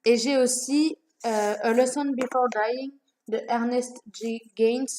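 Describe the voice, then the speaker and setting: A woman's voice: fairly high pitch, fairly even intonation, takes it slowly, darkish tone, slight background noise. A young woman talking casually to camera about her books, with many fillers and self-corrections, recorded at home. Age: young adult. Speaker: book vlogger. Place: room at home.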